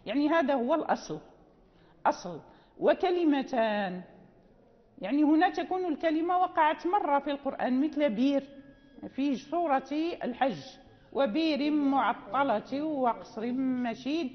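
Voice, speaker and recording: A woman teacher explaining Quran recitation rules, repeating words slowly and chanting the quoted verses. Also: sits high, big-room sound, lo-fi sound.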